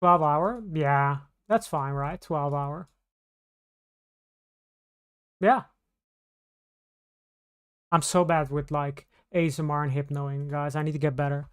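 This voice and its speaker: Rambling woman streamer, low and clear. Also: steady tone, measured pace. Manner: rambling, scattered, with many restarts. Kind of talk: casual live-stream chat.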